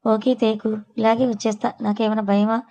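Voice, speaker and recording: A woman's voice: on the high side, flat delivery, brisk, dark tone, close to an everyday voice. Woman playing sarcastic young man, teasing, storybook, level tone. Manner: mocking, sarcastic.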